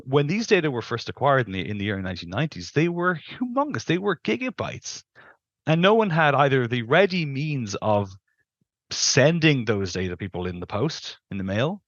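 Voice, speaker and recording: A middle-aged planetary scientist, interviewed indoors over a video call, explains things informally and emphatically, rephrasing to be precise. His mid-range voice is fairly bright, picked up on a headset mic with no echo but with the highs cut off.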